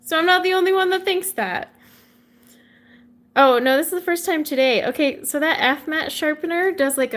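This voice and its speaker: Woman, thirties, casual livestream chat, slightly high pitch, talks to viewers. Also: fairly bright tone. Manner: chatty, reads out and answers viewer comments with light laughs. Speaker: livestream host coloring with viewers. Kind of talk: casual chat while coloring.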